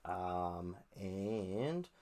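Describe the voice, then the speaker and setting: A man's voice: sits low, animated, very slow, a little mellow. An Australian man hosting a casual solo podcast, speaking in a nasal voice and hesitating with many ums and restarts. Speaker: podcast host.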